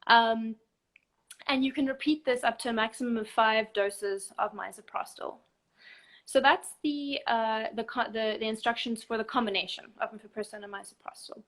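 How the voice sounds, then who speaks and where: A woman with a fairly high voice speaks as a guest in a live online chat. She explains things calmly and methodically, one step at a time, in a measured instructive way. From South Africa. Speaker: abortion help desk counsellor, guest expert.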